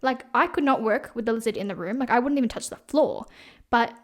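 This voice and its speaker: A young woman, telling a story in a chatty, animated way as a podcast host, with lots of "like". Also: fairly high pitch, fast. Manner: chatty, animated, heavy use of "like". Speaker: podcast host and salon owner. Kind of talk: casual storytelling monologue.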